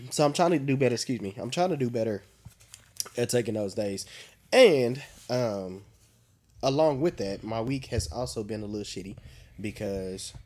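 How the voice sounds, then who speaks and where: A man co-hosting a loose podcast conversation, his voice a little stuffed up from congestion. He tells his stories with animated, profane energy and a middle-of-the-road pitch. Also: normal speed, pauses often. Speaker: podcast co-host. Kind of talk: casual chat.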